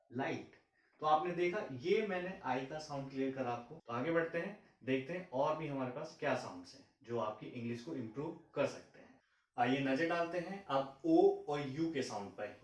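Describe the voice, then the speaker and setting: Male teacher, higher voice, patient and repetitive delivery, distant mic in an echoey room. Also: a little mellow. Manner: patient, repeats example words slowly one by one. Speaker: English teacher. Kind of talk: phonics lesson explaining vowel sounds. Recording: roomy echo, mic at a distance.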